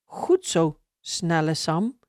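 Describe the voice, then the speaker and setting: A woman's voice: low voice, sing-song, drawn-out words, a little mellow, dry recording, exaggerated voice. A woman voicing a friendly, encouraging female schoolteacher in a children's story.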